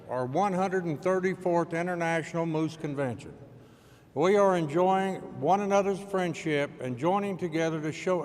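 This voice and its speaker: A man who chairs a charities board, giving an upbeat, welcoming address at a convention podium. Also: on the high side. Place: large hotel meeting room. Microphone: podium microphone. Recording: echoey convention hall.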